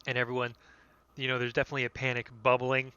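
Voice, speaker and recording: A man narrating a tabletop game as game master, loose and descriptive with a bright, forceful tone. His voice is close and dry on slightly dull podcast audio. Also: medium pitch, monotone, fast talker, clean tone, dry recording.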